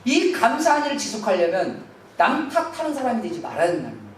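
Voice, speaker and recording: Male pastor preaching, kinda high voice, asks the crowd lots of questions, big boomy church sound. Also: huge pitch swings, quick pace. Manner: earnest, asks the congregation rhetorical questions. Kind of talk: Sunday sermon. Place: church sanctuary. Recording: very echoey hall, distant mic, faint hiss.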